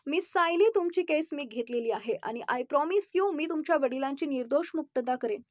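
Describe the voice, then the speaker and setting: A woman's voice: high-pitched, lively intonation, normal speed, darkish tone, no echo, lo-fi sound. A woman reading the lines of a confident male lawyer promising to win a case. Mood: assured. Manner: assured, promising.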